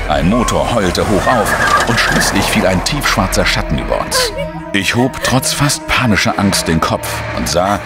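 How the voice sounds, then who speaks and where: For a crime audio drama, an actor voices a world-weary male investigator who narrates his case in a measured, introspective way. His voice is low-pitched.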